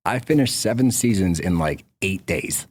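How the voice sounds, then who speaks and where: A man's voice: deep voice, animated, normal speed. A man talking as a podcast guest, telling stories in a laid-back, slangy way. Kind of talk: casual conversation.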